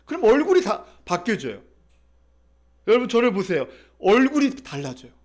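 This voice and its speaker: A man's voice: sits high, sing-song, normal speed. A man preaching as a pastor, leading the congregation through reading and repeating scripture. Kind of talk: sermon.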